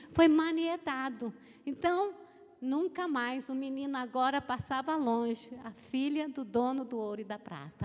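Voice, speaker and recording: A Brazilian woman pastor in middle age preaches in a high voice. She tells stories animatedly and acts out the voices of the people in them. Her words ring out with a long reverb in a church hall. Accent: Brazilian Portuguese. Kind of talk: sermon.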